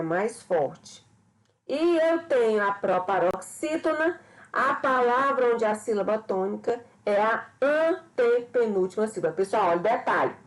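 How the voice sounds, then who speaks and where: A woman's voice: a little high, poor audio. A woman teacher giving a recorded grammar lesson, explaining patiently and often checking with her students. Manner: explanatory, repeats points and checks with "certo?".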